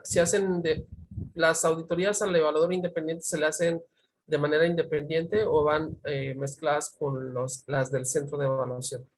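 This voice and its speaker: A man's voice: a little high, a little hiss or hum. A man from an evaluation center asking questions in an online meeting, hesitant and polite, often restarting his sentences.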